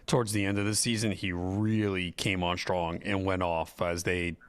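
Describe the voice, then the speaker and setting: Low-voiced man co-hosting sports radio. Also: flat delivery, normal speed, a bit bright, smooth. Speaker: radio co-host. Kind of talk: casual sports radio chat.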